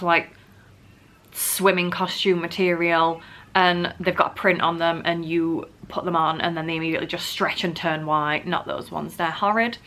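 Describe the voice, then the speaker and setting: A woman vlogger with a lowish, pushed, bright voice chats casually to camera while sick, wheezy, and coughing badly. She pokes fun at herself and fills her talk with lots of "like."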